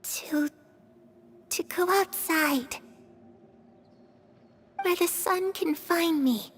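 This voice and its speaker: A woman voicing an innocent, confused young ghost girl in a video game, speaking in a soft, childlike, wistful manner. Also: extremely high pitch, drawn-out words, a little hiss or hum, full character voice.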